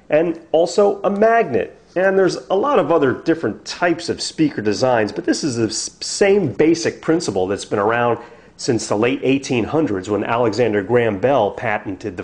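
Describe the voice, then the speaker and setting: Narrating scripted instructions step by step, a DIY show host gives clear how-to guidance in a medium-pitched, somewhat mellow voice, with no room sound.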